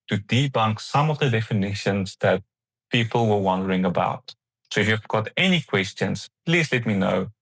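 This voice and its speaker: A man with a fairly low voice talks to viewers as the host of an informal explainer. He is conversational and plain-spoken, offering advice in everyday language. The sound is dry, with very little room on the voice. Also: dry recording, low-quality recording. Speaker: host of an investing series.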